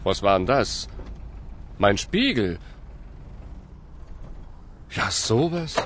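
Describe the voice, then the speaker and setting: A man's voice: lowish voice, big pitch swings, drawn-out words, exaggerated voice. An actor playing a laid-back, matter-of-fact male taxi driver in a language-course radio play. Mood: dismissive, puzzled. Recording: clear vehicle noise behind.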